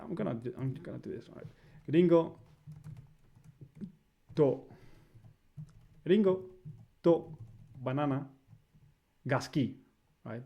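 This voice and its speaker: A man giving a casual spoken lesson, hesitant and filling pauses with "uh" and "right?". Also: medium pitch, gravelly, mellow. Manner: hesitant, many fillers, frequent "right?". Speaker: language teacher.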